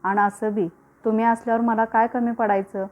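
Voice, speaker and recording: A woman's voice: a little high, level tone, moderate pace, a little mellow, natural voice. A woman voicing an anxious village mother who keeps a secret, speaking in rural dialect. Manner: rural Marathi dialect speech.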